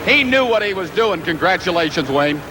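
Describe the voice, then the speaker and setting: A man announcing a tractor pull, calling runs with excited, emphatic build-up and interviewing drivers. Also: high voice, brisk. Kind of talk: live motorsport commentary and interviews. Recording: engine and outdoor arena noise.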